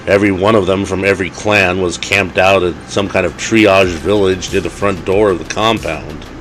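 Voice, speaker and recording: Very deep-voiced male storyteller. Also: low-quality recording. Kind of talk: scripted story narration. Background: faint background music.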